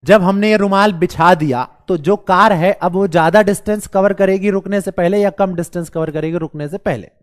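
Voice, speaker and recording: सर्दी से बैठे गले और खांसी वाला एक पुरुष शिक्षक, बिहारी लहजे में ऑनलाइन क्लास लेता है, बच्चों को मज़ाकिया ढंग से मनाता और सवाल बार-बार दोहराता है।. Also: male voice, high-pitched, normal speed, hardly any pauses. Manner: playful, coaxing, repeats questions to the class. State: hoarse with a cold, coughing. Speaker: teacher. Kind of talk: live online class.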